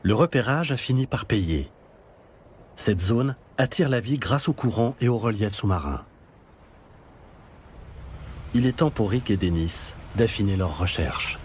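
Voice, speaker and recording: A man's voice: lowish voice, expressive, moderate pace, darkish tone, a little hiss or hum. A man reading scripted narration for a nature documentary.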